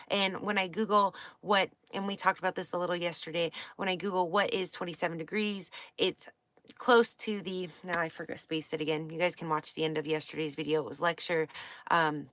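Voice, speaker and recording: A woman's voice: fairly low pitch, fairly even intonation, brisk, fairly bright tone, dry recording. A woman with a slight Pacific Northwest accent, giving a casual astrology lesson, reading from a book and commenting in a meandering way with fillers and self-corrections. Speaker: astrology teacher.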